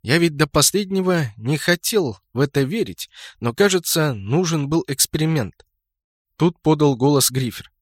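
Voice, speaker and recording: A man narrating a first-person audiobook in a steady, even reading. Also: fairly high pitch, normal speed, no echo, studio quality.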